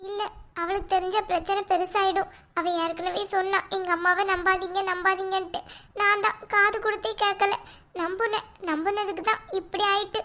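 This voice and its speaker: A woman's voice: very high-pitched, steady tone, normal speed, bright, forceful tone. A woman voicing a wronged young daughter-in-law in a cartoon, sorrowful and resigned, with a Kanyakumari Tamil accent.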